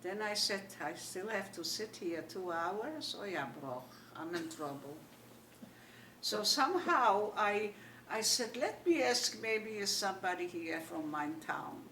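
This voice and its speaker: An elderly woman from Poland with a Yiddish accent tells her life story in an animated way, retelling remembered dialogue. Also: mid-range voice, unhurried. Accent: Polish Yiddish. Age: older, 80s. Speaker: Holocaust survivor giving testimony. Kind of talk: oral history storytelling. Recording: echoey room, distant mic, faint noise.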